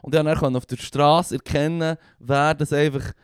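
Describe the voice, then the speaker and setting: A man's voice: fairly high pitch, fairly even intonation, moderate pace, clear, resonant tone, no echo, studio quality. A man with a Swiss German accent, co-hosting a casual podcast and adding jokey remarks that trail off into mumbles. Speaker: podcast co-host. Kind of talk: casual chat.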